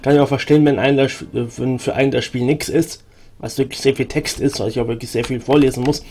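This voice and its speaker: A man's voice: medium pitch, fairly even intonation, fast, a little mellow, slight background noise. A man streaming a role-playing game, chatting casually with many fillers and restarts and reading game text aloud.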